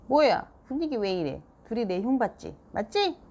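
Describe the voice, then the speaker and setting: A woman reading a children's book aloud and voicing a quick-tempered mother who scolds in a sharp, loud voice. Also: a little high, sing-song, slightly rough, pitched above the performer's own voice. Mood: scolding.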